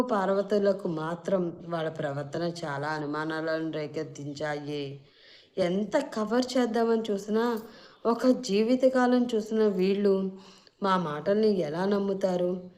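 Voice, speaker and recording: A woman reading a scripted short love story as narrator, at a steady, even pace. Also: on the low side.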